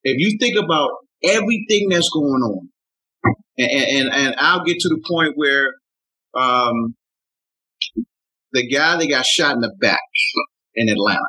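An older man who mentors youth, talking earnestly in an interview, often repeating himself and rising in pitch when moved. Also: animated, a little slow, pauses often, sharp tone, breathy edge, poor audio. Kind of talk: heartfelt conversational interview.

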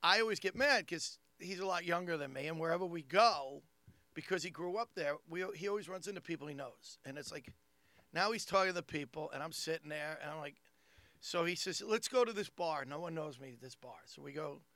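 A man with a thick Long Island accent telling a casual comic story, repeating phrases haltingly and acting out the dialogue. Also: on the high side, bright, forceful tone, no echo. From Long Island, New York. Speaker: comedian.

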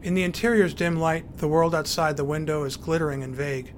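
A man's voice: on the high side, a little fast, slight background noise. A man narrating his memoir in a wry, dryly humorous way.

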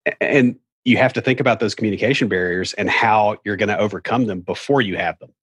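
A middle-aged man speaking with a Southern US Appalachian hillbilly accent rattles off fast, casual explanations. He's folksy and wry, with rambling asides, in a lowish, husky and slightly bright voice. There's no echo.

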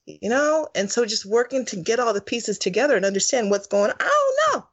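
A woman co-hosting a podcast in casual chat, expressive and stretching words slowly for emphasis. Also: a little high, breathy edge, highs cut off. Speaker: podcast co-host.

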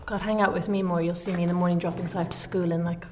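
Candid woman in relaxed conversation. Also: on the low side, fast talker, a little hiss or hum. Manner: candid, reflective, laughs easily. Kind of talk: casual chat.

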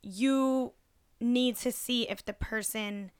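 A woman's voice: a little high, takes it slowly, smooth, no echo, clean studio sound. A young woman in casual podcast chat, talking freely with lots of fillers. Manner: chatty, many fillers, animated.

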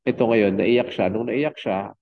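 A man's voice: on the low side, measured pace, creaky. A middle-aged man, a fitness coach and father, talking as a guest in a casual interview, rambling with many fillers and restarts. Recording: tinny phone-like line.

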